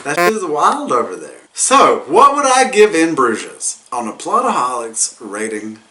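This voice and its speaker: A man's voice: fairly high pitch, huge pitch swings, a little slow, bright, forceful tone. Tipsy man rambling in an echoey room. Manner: profane, slangy storytelling with acted-out dialogue. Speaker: movie review host. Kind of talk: casual comedic film recap. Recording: echoey room with faint noise.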